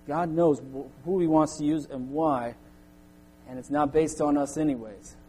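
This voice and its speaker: Earnest man preaching, mellow voice. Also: fairly high pitch, fairly even intonation, measured pace, slight background noise, low-quality recording. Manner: earnest preaching, rising loud on quoted cries. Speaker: pastor. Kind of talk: sermon.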